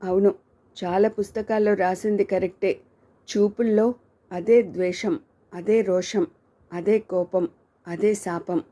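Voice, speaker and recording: Warm-voiced woman narrating a dramatic novel. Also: mid-range voice, a little slow, long pauses. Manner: steady, dramatic storytelling. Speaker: audiobook narrator.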